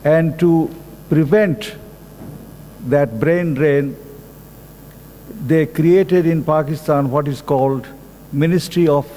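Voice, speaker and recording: Older Bangladeshi-accented male speaker, measured formal address, mellow tone, echoey hall. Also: a little high. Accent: Bangladeshi English. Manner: slow, deliberate, halting delivery with pauses. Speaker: conference speaker. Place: conference hall. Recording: echoey hall with faint background noise.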